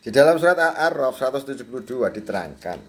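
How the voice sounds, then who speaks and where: A man preaching a sermon, chatty and quick to laugh, often checking in with his audience and acting out the cries and prayers of a newborn. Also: medium pitch, very animated. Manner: acts out a newborn's crying and prayers. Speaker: Sufi preacher.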